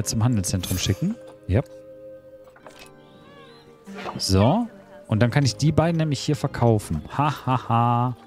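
A man's voice: fairly low pitch, darkish tone. A man giving casual gameplay commentary, talking to himself in a puzzled, joking way. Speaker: let's play commentator.

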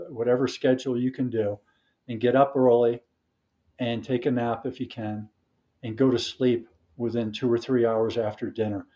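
A man speaking as a wellness coach and podcast guest, giving advice in a measured way and listing points one by one. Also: mid-range voice, warm tone.

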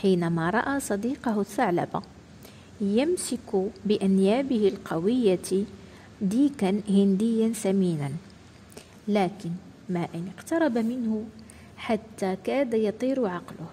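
A woman storyteller reads a children's tale aloud, expressive and addressing her young listeners. Her voice is mellow and soft-toned, with a faint hiss in the background. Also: mid-range voice, measured pace. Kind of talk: scripted story narration for children.

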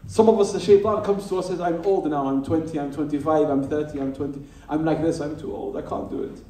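A man's voice: a little high, fairly even intonation, fast, mellow. Male preacher, lecture hall, roomy echo, heard from a distance, repeats phrases for emphasis. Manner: emphatic, repeats key phrases, rhetorical questions. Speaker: Islamic teacher. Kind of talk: lecture to a live audience. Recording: roomy hall, speaker far from the mic.

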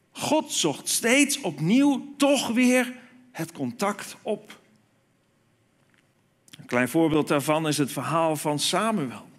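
Male preacher, unhurried sermon delivery, somewhat high voice. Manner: slow, deliberate, with emphatic rises on key words.

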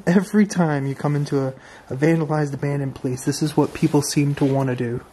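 A man hosting an exploring vlog, walking through an abandoned farmhouse and reacting with excited, wondering remarks into his camera mic. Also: on the high side, brisk, breathy edge. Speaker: urban explorer host. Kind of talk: walkthrough vlog narration. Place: abandoned stone farmhouse, indoors.

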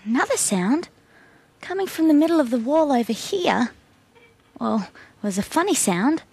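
A woman's voice: high voice, moderate pace, a little hiss or hum. An Australian woman presenting a children's TV show, talking in a playful, wondering way as she searches for a bird. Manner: animated and wondering, talks to an unseen bird.

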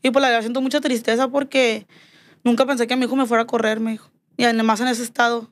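A woman's voice: a little high, fast, dry recording. A woman telling a personal story as a podcast guest, in a chatty way that acts out quoted dialogue. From Mexico. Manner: animated, acts out quoted dialogue, repeats "me dijo". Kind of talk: casual storytelling chat.

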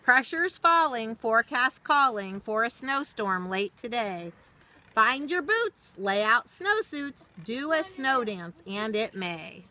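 This middle-aged storyteller reads a rhyming picture book to children in a snowy backyard, slipping in casual asides as she goes. She speaks slowly in a highish, bright voice with big pitch swings and a forceful tone. The outdoor phone video, shot from a short distance, has faint background noise.

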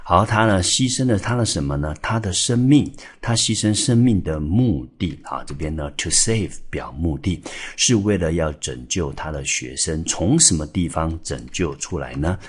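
Very low, husky-voiced male teacher. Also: animated, normal speed. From Taiwan. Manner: explains step by step, spells out letters, many filler particles. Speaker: English teacher. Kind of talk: exam-prep vocabulary lesson. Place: school classroom or studio.

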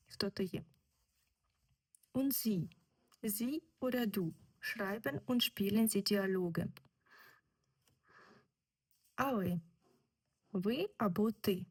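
Slow, deliberate woman teaching German. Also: medium pitch, breathy edge. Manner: slow, deliberate, repeats words. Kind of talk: explaining a German textbook lesson.

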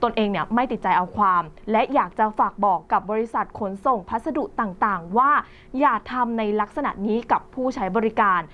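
A woman's voice: a little high, animated, a little fast, few pauses. A woman presenting the news in a conversational reading style, with frequent polite particles. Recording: slightly dull recording with faint music behind.

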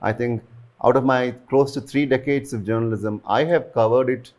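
A man's voice: medium pitch, normal speed, darkish tone. A man, hosting a promotional interview as a defense journalist, earnest with frequent "you know" fillers, recorded indoors in a living room. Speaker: host, aerospace and defense journalist.

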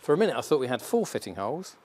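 Co-hosting a van build in a big indoor workshop, a man in his forties casually and practically explains the fitting. His mid-range, slightly mellow voice swings widely in pitch, and he talks rapid-fire.

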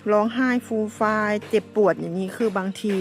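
A woman's voice: medium pitch, a little fast, creaky, music in the background. Chatty middle-aged woman vlogger. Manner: chatty, polite, many fillers and restarts. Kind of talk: casual vlog chat to viewers.

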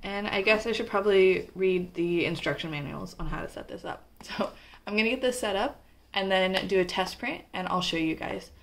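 A woman's voice: mid-range voice, normal speed. A young woman from Canada chatting casually through a stationery haul, with frequent filler words. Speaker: stationery vlogger. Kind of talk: casual show-and-tell.

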